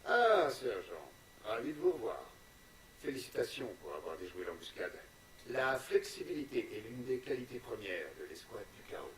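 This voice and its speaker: Game military commander, male actor: assured, formal, varied pitch, slightly distant. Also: sing-song, moderate pace, a little hiss or hum, close to an everyday voice. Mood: assured briefing. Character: composed male military commander briefing his soldier. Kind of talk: video game voice acting. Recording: echoey room, slightly distant.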